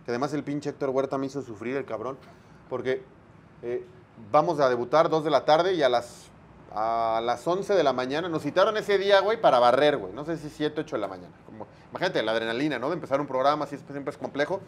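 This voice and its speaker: A Mexican man, a sports broadcaster, telling lively anecdotes in a casual interview, full of slang and acted-out dialogue. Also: mid-range voice, fast, slight background noise.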